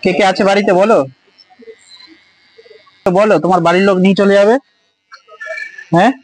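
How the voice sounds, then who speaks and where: A man filming a street vlog, coaxing and gently scolding as he asks the same questions again and again. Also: sits high, little pitch movement, fairly quick, dry recording, low-quality recording. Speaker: vlogger helping a homeless man. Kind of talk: casual street vlog talk. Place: outdoors on a street.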